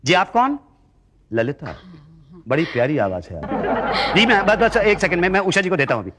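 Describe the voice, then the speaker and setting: An actor playing a polite, long-suffering middle-aged teacher, explaining patiently and deadpan in a sitcom. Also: male voice, high-pitched, a little fast, background noise. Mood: earnest. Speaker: history teacher seeking his degree. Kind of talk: sitcom acting.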